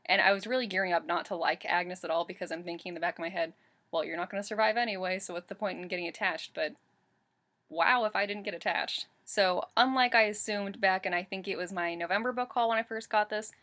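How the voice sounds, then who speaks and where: A woman in her twenties reviews a book on a casual vlog, talking eagerly into a webcam in her bedroom with a bookshelf behind her and correcting herself as she goes. Her voice sits at medium pitch and is fairly bright, with a steady tone and a quick pace.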